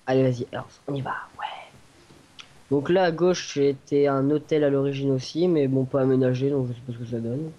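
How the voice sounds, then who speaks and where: A man's voice: medium pitch, fairly even intonation, fairly quick, mellow. A man giving a casual, hesitant walkthrough tour of a game server, often searching for words. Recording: dull lo-fi home recording.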